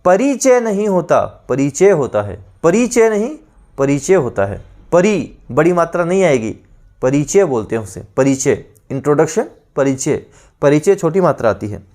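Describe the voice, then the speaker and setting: A man teaching an online exam-prep grammar lesson, repeating each word slowly so students can learn its spelling. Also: sits high, darkish tone.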